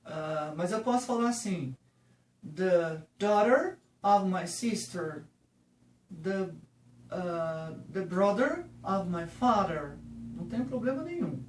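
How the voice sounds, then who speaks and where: Slow-speaking Brazilian teacher, roomy sound. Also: medium pitch, expressive. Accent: Brazilian Portuguese. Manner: patient, often checking in with the viewer. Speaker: English teacher. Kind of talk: lesson. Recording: roomy, from a distance.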